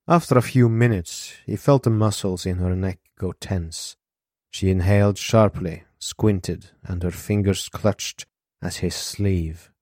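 A man narrating an audiobook in a calm, measured way, taking his time over every line. His voice sits fairly low, and the recording is dry and close with no room sound. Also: dry recording.

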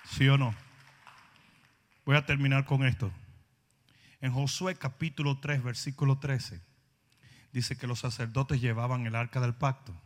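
A man preaching a sermon, animated storytelling that rises to shouting. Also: medium pitch, a little slow, pauses often. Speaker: pastor. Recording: long hall reverb.

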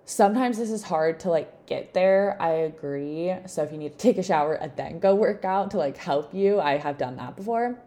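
A woman's voice: fairly low pitch, normal speed, hardly any pauses, mellow. A young adult woman giving casual, chatty advice in an upbeat, encouraging, informal way, peppering her talk with "like". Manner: informal, frequent "like" as filler. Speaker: host of a self-help podcast.

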